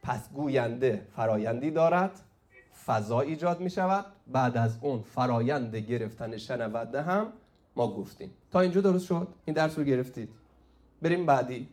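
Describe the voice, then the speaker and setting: An animated man with a medium-pitched, slightly mellow voice lectures a class at the whiteboard. He quizzes students and keeps prompting them to "say it" and call out answers.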